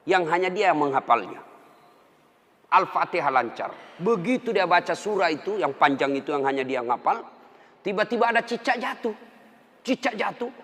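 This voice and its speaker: Animated preacher man in a reverberant hall. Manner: animated storytelling, pitch climbing at punchlines. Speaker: Islamic preacher. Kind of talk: sermon with humorous anecdotes.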